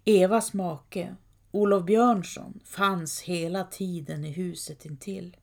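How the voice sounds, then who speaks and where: A woman narrating a scripted historical story in a calm, measured way. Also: on the low side, vocal fry.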